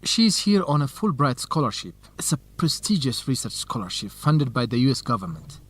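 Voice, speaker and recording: In an educational radio drama, a young man plays an eager, nervous journalism student, speaking earnest, carefully enunciated English. His voice is medium-pitched, husky and sing-song, at normal speed.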